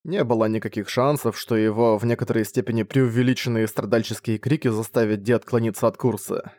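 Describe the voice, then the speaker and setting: A man narrating an audiobook in an even, measured way. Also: lowish voice, no echo. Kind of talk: scripted narration.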